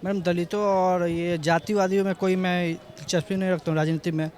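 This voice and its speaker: A man's voice: high-pitched, flat delivery, fairly quick, darkish tone. A young man on a street, earnestly brushing aside party politics in favor of jobs for youth. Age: young adult. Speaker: unemployed young passerby. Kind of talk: street vox-pop opinion.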